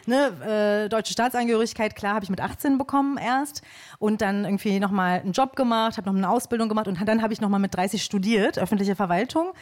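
A woman's voice: mid-range voice, quick pace. Chatty woman, stage guest. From Berlin, Germany. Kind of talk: casual stage chat.

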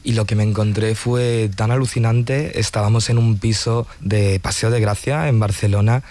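A man's voice: on the low side, steady tone, normal speed, a little mellow. A man who is a poet and journalist, a guest in a radio studio, telling stories fluently and with enthusiasm. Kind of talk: radio interview.

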